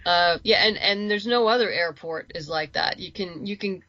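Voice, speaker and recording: A woman who makes comics and audio dramas guests on a podcast, chatting loosely and repeating words for emphasis. Her lowish voice has a sharp tone at normal speed, and the audio is dull with no echo.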